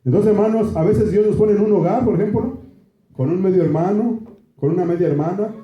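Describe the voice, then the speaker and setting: A man's voice: high-pitched, fairly quick. A Mexican man with a Mexican Spanish accent, a pastor delivering a conversational sermon and often turning to the congregation with asides. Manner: conversational preaching, keeps asking "¿verdad?" and "hermanos". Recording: echoey room, dull lo-fi sound.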